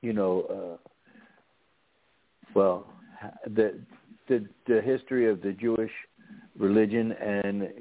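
Middle-aged male radio host, lowish voice, friendly and rambling, dry tinny audio. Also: fairly even intonation, takes it slowly, long pauses, dry recording. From Philadelphia. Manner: friendly, rambling with many restarts. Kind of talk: casual radio interview.

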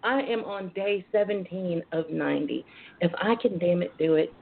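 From her front porch at home, a woman with a lowish voice and vocal fry hosts a casual radio talk show at a moderate pace. She's chatty, sassy and bawdy, using endearments, over a phone-like internet radio line with hiss.

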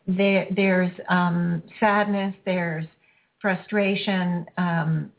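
A woman hosting a healing show, leading a caller through a release in slow, soothing, repetitive phrases. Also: lowish voice. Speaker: energy healing radio host. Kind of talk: guided healing session with a caller. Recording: phone-like lo-fi audio.

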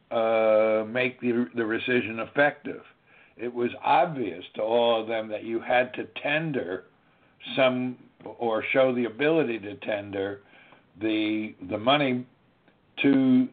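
Male talk host, unhurried and halting, tinny phone-line audio. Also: mid-range voice. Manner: slow, deliberate, with many fillers and restarts. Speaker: show host. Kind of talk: legal talk show interview.

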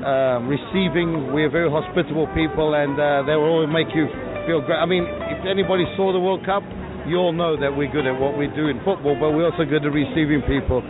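Brief: upbeat guest man, from South Africa, chatty sales pitch, tinny sound, music bed. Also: steady tone, fairly quick. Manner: effusive, selling, with many fillers. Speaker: tourism representative interviewed at a travel show. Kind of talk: enthusiastic promotional interview. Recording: tinny lo-fi audio with music behind.

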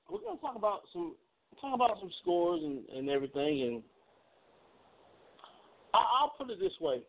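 A man's voice: high-pitched, vocal fry. A male sports talk radio host chatting casually about the fights and college football, rambling and repeating words. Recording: phone-like narrow band.

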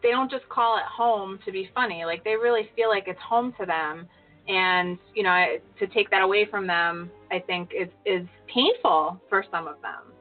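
A woman's voice: medium pitch, normal speed. Teasing woman on a lo-fi podcast line. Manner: teasing, laughs easily. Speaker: podcast co-host. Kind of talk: casual podcast chat. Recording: phone-like lo-fi audio with faint music.

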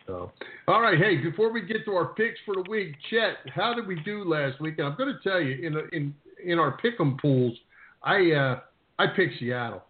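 An American man hosts a casual sports talk show, talking conversationally and a bit ramblingly as he repeats words. His voice is a little high, expressive, and moderately paced, with a little hiss or hum, and the audio sounds roomy, like a phone-like narrowband radio line.

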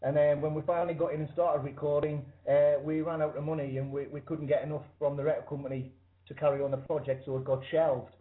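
A man's voice: fairly high pitch, flat delivery, quick pace, narrow, tinny audio. A man with a British accent, a musician giving a casual call-in interview. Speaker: interview guest, band musician. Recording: thin internet call line.

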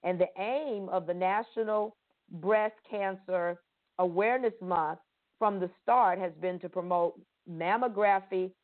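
A woman's voice: medium pitch, unhurried. Earnest woman host on a tinny line. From Pensacola, Florida. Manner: earnest and enthusiastic, repeating words for emphasis. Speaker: podcast host. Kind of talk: hosting a faith-based podcast interview. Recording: tinny phone-like sound.

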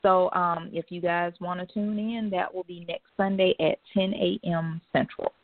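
A woman's voice: fairly low pitch, steady tone, normal speed, no echo. A woman hosting an internet radio show in casual, chatty talk. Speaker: host. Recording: tinny phone-line internet radio.

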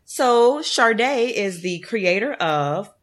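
A woman's voice: mid-range voice, animated, slow pace. A woman hosting a podcast with casual interview chat and a playful, teasing way of talking. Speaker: podcast host.

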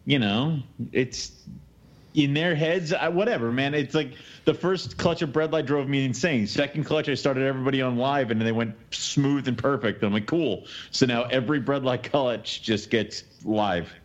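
A man hosts a podcast in a loose, informal chat style. His voice sits at a middling pitch, and the audio is a little dull and lo-fi. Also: moderate pace. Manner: informal, colloquial. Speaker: podcast host.

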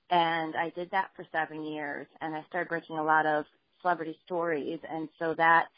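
A woman with a fairly low voice tells her story earnestly over a dull, lo-fi phone line. The sound is close and dry, with no room around it. Her manner is steady and matter-of-fact. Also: no echo. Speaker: guest journalist and author. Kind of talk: phone interview, personal story.

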